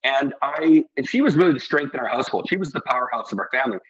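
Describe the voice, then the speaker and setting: A man's voice: medium pitch, animated, fast, breathy edge, dull audio. A middle-aged man from Iceland who owns a restaurant and brewery, talking casually in an interview, rambling and earnest with many restarts.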